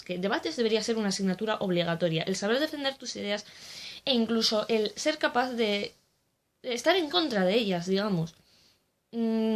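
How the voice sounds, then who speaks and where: A young woman from the Basque Country talking candidly in a casual monologue, blunt and sprinkled with swearing. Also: on the high side. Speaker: vlogger.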